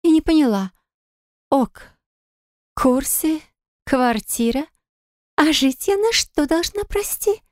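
A woman playing a shrill greedy young wife, audiobook character voice, squealing, very high, dry. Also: fast, dark tone, no echo, close to an everyday voice. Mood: wheedling.

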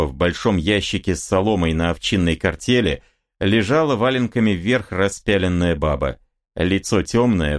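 A man reading a historical novel aloud as narrator, measured and expressive. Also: sits low. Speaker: audiobook reader. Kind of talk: literary narration.

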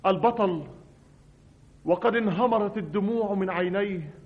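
A man with an Egyptian Arabic accent narrates a radio comedy monologue as a frustrated writer, sounding mock-formal and exasperated. His voice is high and moderately paced, and the audio is dull.

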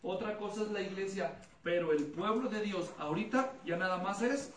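A man's voice: sits high, moderate pace. A man preaching an expository Bible study, asking the congregation questions, repeating their answers back and acting out voices in his stories. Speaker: pastor teaching a Bible study. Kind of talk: expository sermon with anecdotes. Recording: echoey room, mic at a distance, noisy.

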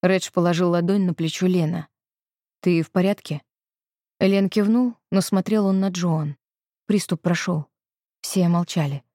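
A woman narrating a novel in calm, measured scripted narration. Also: lowish voice, no echo, studio quality. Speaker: audiobook narrator.

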